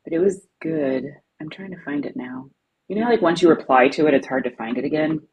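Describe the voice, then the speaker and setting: A woman's voice: sits low, fairly quick, husky, highs cut off. A woman co-hosting a live stream on education advocacy, chatting casually with viewers, laughing often and saying "like" a lot. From lives in Ohio. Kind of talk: casual chat answering viewer comments.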